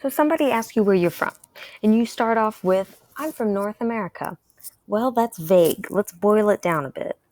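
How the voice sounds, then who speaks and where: A woman's voice: medium pitch, animated, moderate pace, darkish tone, no echo. A woman from Texas, teaching a recorded math lesson, patient and repeating key ideas to her viewers.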